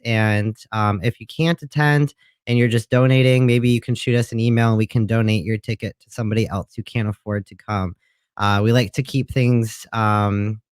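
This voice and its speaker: Man, livestream host, casual chat, smooth resonant voice, dry close sound. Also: fairly low pitch, no echo. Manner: relaxed, chatty, many ums.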